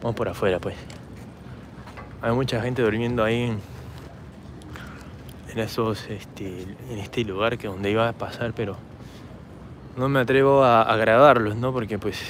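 A man with a Peruvian Spanish accent, hoarse from shouting, chatting casually to his handheld camera as he walks through a city park at night. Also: fairly low pitch, steady tone, measured pace, long pauses, noisy background. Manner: chatty, rambling, talks straight to camera while walking. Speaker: travel vlogger. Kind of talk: casual walking vlog.

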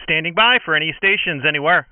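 A man's voice: on the high side, fast talker. Man making a ham radio call over a tinny shortwave radio line. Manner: crisp phonetic call signs, repetitive calling. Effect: heard over shortwave radio. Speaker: park activator radio operator. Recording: tinny noisy radio-band audio.

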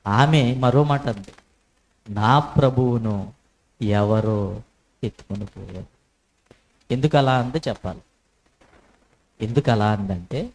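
A man's voice: medium pitch, darkish tone, rough recording. A male preacher delivering a sermon with emphatic repetition and rhetorical questions.

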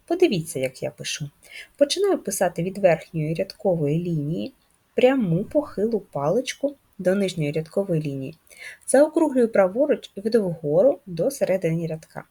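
A primary school teacher calmly and patiently leads first graders through a handwriting lesson stroke by stroke, in a slightly low voice with a husky edge. Her instruction is clear and step-by-step, and she asks the children simple questions, answering them herself in a steady, encouraging tone.

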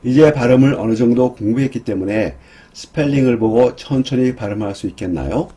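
Male English teacher, low-key and unhurried, mellow husky voice, drills vocabulary one word at a time. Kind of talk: slow, careful teaching for beginners.

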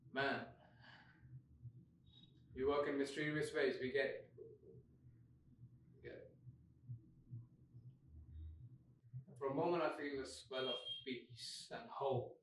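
A man's voice: medium pitch, steady tone, unhurried, pauses often, a little hiss or hum, close to an everyday voice. A man playing a sardonic tiger ghost. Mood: rueful. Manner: wry, rambling storyteller, swings loud and soft. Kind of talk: solo stage monologue. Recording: echoey room, mic far off.

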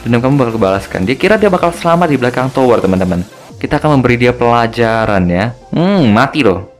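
A man's voice: mid-range voice, lively intonation, fast talker, music in the background. A young man gives casual, joking commentary over a mobile game, tacking little tag words onto his phrases. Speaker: gaming video host.

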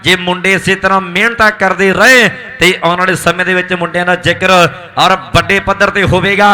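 Man, Malwai Punjabi accent, live kabaddi commentary, piercingly bright, high-pitched, excited repetitive hype. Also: brisk. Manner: excited, rhythmic hype with repeated exclamations. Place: outdoor village tournament ground.

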